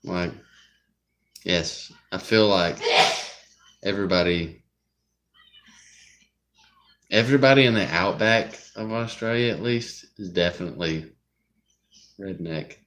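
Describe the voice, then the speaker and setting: A man's voice: low voice, slow, pauses often, fairly bright tone. A young man with a Southern US accent, rambling in casual live-stream chat and drifting off topic. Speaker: livestreamer.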